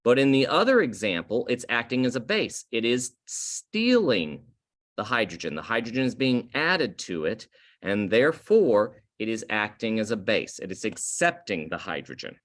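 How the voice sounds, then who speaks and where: A male chemistry teacher giving a recorded lecture over slides, explaining slowly, stressing key terms and correcting himself as he goes. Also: fairly low pitch, very animated, fairly bright tone.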